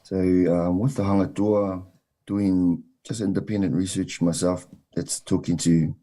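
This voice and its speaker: Deep low-voiced man, halting interview answers. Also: little pitch movement, dark tone. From New Zealand. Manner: measured, many ums and uhs. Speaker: wrestling coach and guest.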